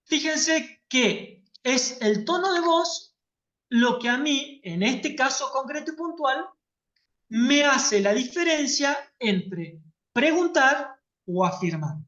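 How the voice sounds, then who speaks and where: This workshop teacher's high-pitched, fairly bright voice moves slowly but with lively intonation. She teaches her online class patiently, pausing often to make sure everyone follows, and the video call audio is lo-fi.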